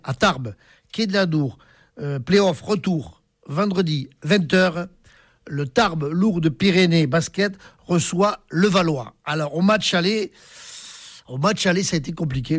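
A man's voice: on the high side, no echo, clean studio sound. Hesitant man presenting radio sports. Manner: hesitant, many fillers and restarts.

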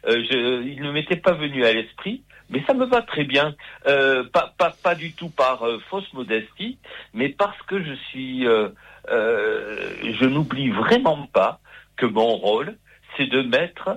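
A man in his sixties talks as a radio guest in a bright, forward voice. He hesitates often and restarts his sentences, but stays good-humored and easygoing throughout. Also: mid-range voice, sing-song, a little slow, muffled recording. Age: 60s. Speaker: guest, literary event moderator. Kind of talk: radio interview.

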